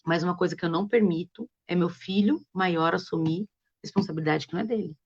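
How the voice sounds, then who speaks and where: Talking fast in a slightly rough, lowish voice, a woman guesting on a live stream tells earnest stories and acts out what she tells her children. The conversation is casual, and the audio is dull and lo-fi.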